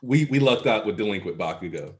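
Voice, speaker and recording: A man's voice: on the low side, animated, a little fast. A man co-hosting a casual chat, talking in a rambling way with many fillers. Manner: rambling, many likes and ums. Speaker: podcast co-host.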